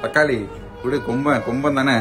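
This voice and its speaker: A man's voice: mid-range voice, steady tone, a little fast, over music. A man chatting casually with a friend, first teasing her, then apologizing and coaxing her. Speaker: prank vlogger. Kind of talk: casual prank chat.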